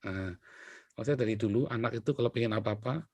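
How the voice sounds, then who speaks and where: A middle-aged man from Indonesia, a pastor preaching in a chatty, storytelling way, swinging between loud emphasis and quiet asides. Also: lowish voice, fast talker, husky, dry recording. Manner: chatty and anecdotal, with sudden rises and drops in volume. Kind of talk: sermon.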